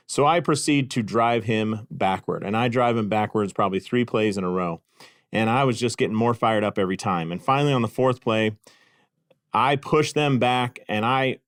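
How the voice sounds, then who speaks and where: Recorded on a podcast microphone with clean studio sound and no room reverb, this medium-pitched middle-aged host tells a relaxed, self-mocking story. He's a podcaster and clinic consultant who uses plenty of fillers.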